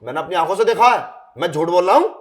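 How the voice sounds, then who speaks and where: A man playing an angry husband and master of the house who shouts accusations in a short film drama. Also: sits high, expressive, quick pace.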